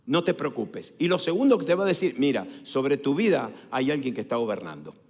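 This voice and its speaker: A male pastor preaching a sermon, repeating words for emphasis and putting questions to the congregation, moving between loud declarations and quiet storytelling asides. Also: medium pitch, sing-song, brisk. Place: church sanctuary. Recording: church hall with long reverb.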